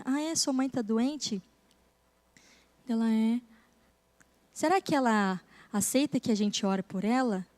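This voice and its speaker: A woman preacher telling a personal story during a church service, acting out the conversations in a soft voice. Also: on the high side. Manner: storytelling, acting out dialogue softly. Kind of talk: sermon testimony.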